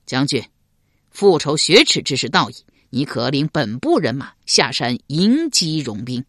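A woman's voice: very deep voice, sing-song, a little slow, no room sound, clean studio sound, voice pushed down, exaggerated voice. A woman voicing a wise, composed male chancellor in a spoken historical novel, giving firm orders. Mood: commanding.

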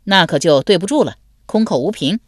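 A woman's voice: fairly low pitch, lively intonation, fairly quick, no echo, clean studio sound. A woman narrator voicing a stern male officer guarding a gate, formal and clipped.

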